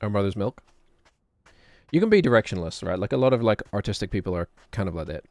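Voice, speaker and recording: A man's voice: fairly low pitch, very animated, racing, a little mellow, dry recording. A middle-aged man giving casual, rambling game commentary in a wry, musing manner, often talking to himself. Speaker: gaming streamer.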